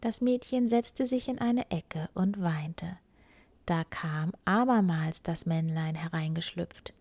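A woman reading a fairy tale aloud in a slow, hushed, breathy voice. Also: on the low side, no room sound. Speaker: storyteller. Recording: dry close recording.

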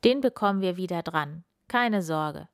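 A woman voicing Santa Claus, a kindly, wise old man who speaks gently admonishing and reassuring in a children's story. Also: lowish voice, animated, normal speed, smooth, dry recording, studio quality. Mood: fatherly.

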